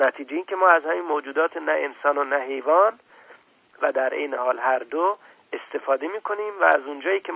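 A man's voice: a little high, creaky, breathy edge, no room sound, lo-fi sound. A man voicing a proud, condescending old scientist in a storybook reading. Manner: lecturing, condescending. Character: old male scientist, proud, dismissive and impatient.

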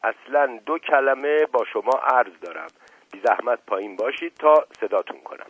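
A man's voice: medium pitch, expressive, husky, no echo. A man voicing a witty, mocking middle-aged prince who teases and scolds in a raised, sarcastic voice, over a muffled phone-like radio line. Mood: teasing.

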